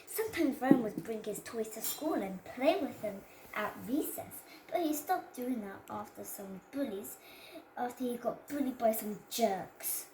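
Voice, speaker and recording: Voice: medium pitch, expressive, measured pace, dark tone. A child reads a children's story aloud, stumbling over words and going back to repeat phrases. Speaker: child reader presenting a storybook. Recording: roomy echo with background noise.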